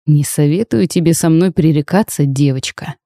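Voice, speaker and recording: A woman's voice: normal speed, mellow, no echo, studio quality. Woman voicing a hissing, scornful male demon. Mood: menacing. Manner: contemptuous, hissing low threats.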